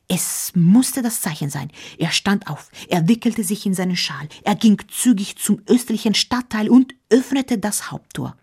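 A woman telling a Christmas-style story slowly and gently, often dropping to a soft whisper. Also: medium pitch, husky. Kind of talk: storybook narration.

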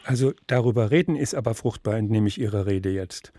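A male radio host interviewing a guest and announcing segments in a calm, summarizing manner. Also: fairly low pitch, brisk, no room sound.

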